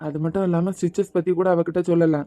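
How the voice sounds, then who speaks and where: A woman voicing a steady, comforting adult man, a doctor like an elder brother, advising a hurt young woman. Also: lowish voice, quick pace, dry recording, lightly acted. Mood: reassuring. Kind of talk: Tamil audio drama acting.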